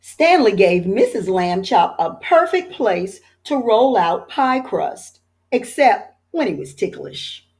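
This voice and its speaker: A woman who teaches reads a children's picture book aloud, telling the story expressively. Her voice is mid-range and she takes it slowly.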